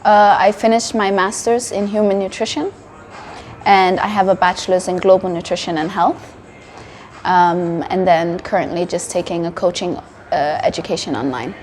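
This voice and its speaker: A woman in her twenties from Sierra Leone, raised in Denmark, answering interview questions in a thoughtful, steady way with frequent ums, recorded in a cafe. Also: fairly low pitch, moderate pace. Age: 20s. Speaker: interview guest, wellness coach. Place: indoor cafe.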